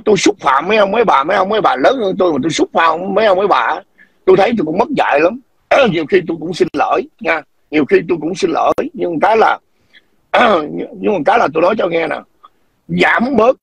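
A man lectures his livestream viewers in a raspy, strained voice that sits high in his range. He scolds in a combative, repetitive way and keeps demanding whether they understand. The recording is dry and close, with no room sound. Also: dry recording. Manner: frequent throat clearing. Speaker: livestream host. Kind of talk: ranting livestream commentary.

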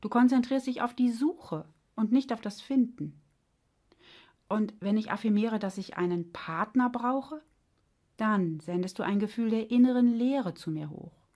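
A woman voicing a wise, patient heart that explains things gently and sometimes grumbles. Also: on the high side, measured pace.

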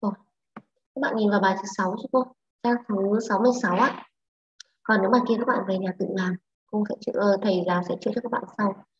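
A woman English teacher with a Vietnamese accent, leading a class online, brisk and prodding students with questions. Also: medium pitch, steady tone. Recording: echoey, lo-fi online class audio.

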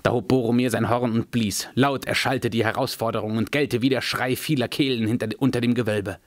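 Steady male fantasy reader. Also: medium pitch, no echo, studio quality. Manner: measured, steady storytelling. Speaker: audiobook reader. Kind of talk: dramatic reading of a fantasy novel.

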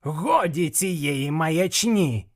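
A man's voice: mid-range voice, sing-song, measured pace, voice pushed up. A man voicing a proud, stubborn male demon hunter who declaims pompously, in an audiobook.

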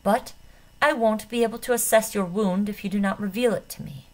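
A woman's voice: medium pitch, lightly acted. Woman playing a cool formal female doctor. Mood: coolly formal. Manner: measured, formal, quiet. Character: cold, formal female doctor, calm and precise.

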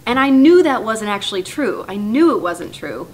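An American woman, a dialect coach, explaining clearly and patiently with examples. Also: mid-range voice, big pitch swings, moderate pace, a little hiss or hum. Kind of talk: explanatory teaching to camera.

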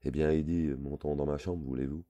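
A drunk, heartbroken aging Frenchman who murmurs in a subdued, very low and dark voice, as the man reading the book puts him on. The sound is close and dry, with no room around it. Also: steady tone, a little fast, no echo. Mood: dazed.

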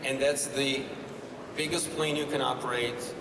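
A man's voice: mid-range voice, steady tone, measured pace. Man presenting in an echoey hall. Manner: conversational, wry asides. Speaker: company founder presenting. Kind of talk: conference talk. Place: exhibition hall stage. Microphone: handheld mic, far camera. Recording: roomy hall from far off, noisy.

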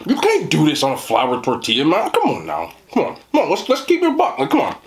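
A man's voice: a little high, wildly swooping pitch, fast. A young man doing a mukbang eating chat, joking in slang and talking while he chews. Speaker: food reviewer.

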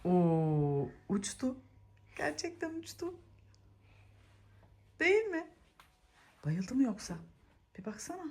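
A woman's voice: sits high, very animated, slow, pauses often, a little mellow. A woman giving playful, often whispered commentary on a family home video.

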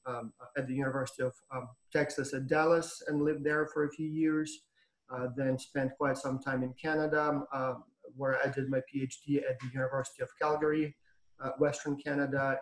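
A man in his thirties from Ukraine with a Ukrainian accent, giving a lecture to students over a webcam, relaxed and explanatory with frequent ums and uhs. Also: mid-range voice, reverberant, poor audio. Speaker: professor. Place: room with brick wall and whiteboard. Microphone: webcam on video call.

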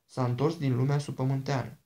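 A man's voice: medium pitch, little pitch movement, dark tone, lightly acted. A man voicing a frustrated teenage girl who speaks in an urgent, insistent way.

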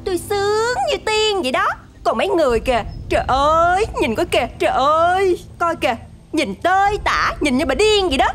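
An actress playing a nosy, boastful single neighbor who mocks others, speaking with a Southern Vietnamese accent. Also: female voice, very high-pitched, expressive, brisk, a bit bright. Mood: mocking. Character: nosy, smug single woman who loves to gossip. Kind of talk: TV drama acting.

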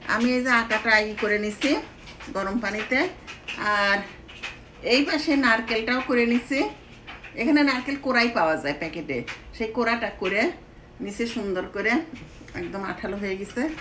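A woman's voice: on the high side, moderate pace, long pauses, fairly bright tone, a little hiss or hum. A woman from Pabna with a Pabna Bengali accent, chatting casually and teasing while making winter cakes in her home kitchen, complaining about her sore hand. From Pabna, Bangladesh. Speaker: cooking vlogger. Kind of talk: casual home cooking vlog.

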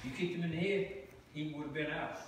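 A man's voice: fairly high pitch, quick pace. An older man in his sixties refereeing a kids' sparring class in a dojo, stern and commanding, with short barked calls. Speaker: martial arts instructor. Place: large indoor dojo with mats. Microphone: far camera. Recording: echoey hall from far off, loud room noise.

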